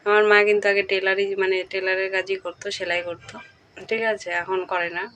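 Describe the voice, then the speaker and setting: A young woman vlogger chatting casually through a home voice-over, speaking softly and often checking in with her viewers. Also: medium pitch, level tone, fairly quick, a little hiss or hum. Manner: speaks softly late at night. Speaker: daily-life vlogger.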